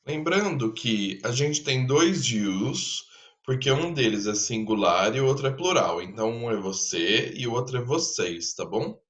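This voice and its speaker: A man's voice: medium pitch, expressive, a bit bright. A man from Brazil teaching an English grammar lesson, explaining patiently and checking in with his students often. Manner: slow, patient explaining with frequent "tá?" check-ins. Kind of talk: recorded online lesson.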